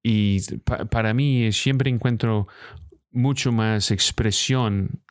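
Low-voiced man speaking haltingly. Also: fairly even intonation, dry recording, studio quality. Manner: halting, many restarts and fillers. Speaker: guest filmmaker. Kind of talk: live-stream interview.

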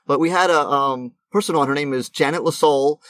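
A man co-hosting a podcast in a fairly high voice, chatty and joking. The sound is dry and close. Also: a bit bright, no echo. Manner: joking, chatty, quick to interject. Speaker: podcast co-host. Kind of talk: casual podcast chat.

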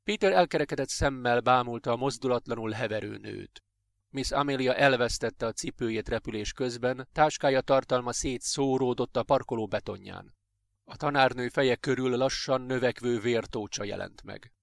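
Egy férfi felolvas egy sci-fi novellát egyenletes, kimért tempóban. Középmagas a hangja, a felvétel száraz, teremvisszhang nélküli. Nyugodt, hangoskönyvszerű előadás. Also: male voice, medium pitch, vocal fry, no room sound. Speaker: narrator. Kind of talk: reading a sci-fi short story aloud.

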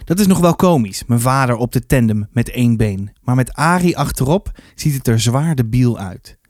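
A man reading a children's book aloud, telling it in a lively first-person voice. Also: medium pitch, normal speed, no echo, studio quality. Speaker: storybook reader.

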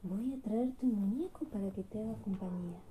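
A woman voicing a caring rhinoceros who speaks quietly and comfortingly. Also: mid-range voice, fairly quick, a little hiss or hum, natural voice, poor audio. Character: caring rhinoceros, calm and helpful.

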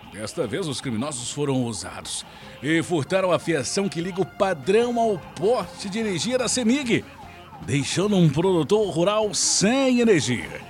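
A Brazilian man reading a scripted radio police-news bulletin as the reporter. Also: high voice.

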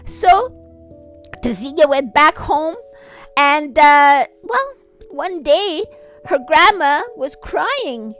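A woman storyteller tells a bedtime-style tale in a homely, halting manner. Her voice sits high. Faint music plays softly under her. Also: expressive. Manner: homely, halting, with fillers and retellings. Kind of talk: bilingual oral storytelling.

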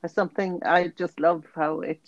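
Female interviewer, slightly low pitch, informal chat, dry close sound. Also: steady tone, normal speed, no room sound, dull audio. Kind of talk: casual conversational interview.

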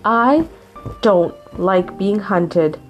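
Woman voicing a grumbly little penguin for a storybook, whiny and sighing, bouncy high pitch. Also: animated, very slow, dull audio, soft background music. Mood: grumbling. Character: grumpy complaining young penguin.

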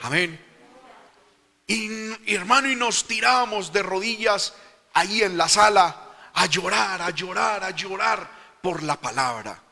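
A man's voice: high voice, lively intonation, unhurried, vocal fry, bright, forceful tone, big-room sound. A man preaching a fervent sermon, again and again calling his listeners brother.

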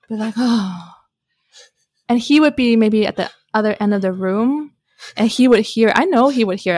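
A woman's voice: medium pitch, no echo, clean studio sound. A woman in an interview, speaking as a relationship coach in a candid, reflective way. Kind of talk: conversational interview answer.

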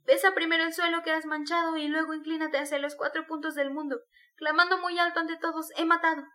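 A woman's voice: fairly high pitch, little pitch movement, brisk, a bit bright, lightly acted. A woman reading the part of a devout, desperate young woman who pleads with tearful urgency. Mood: pleading.

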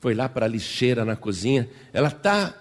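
A man's voice: medium pitch, big pitch swings, normal speed, long reverb tail. A male pastor preaching a sermon emphatically and repetitively, with vivid storytelling.

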